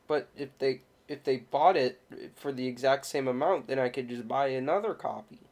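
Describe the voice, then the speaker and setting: A man co-hosting a casual podcast chat, calm and insistent, often restarting with repeated words. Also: medium pitch, normal speed.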